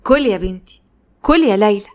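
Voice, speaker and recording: A woman's voice: medium pitch, expressive, a little fast, a little mellow, lightly acted. A woman with an Egyptian Arabic accent voicing a coaxing, fussing mother in her forties. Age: 40s.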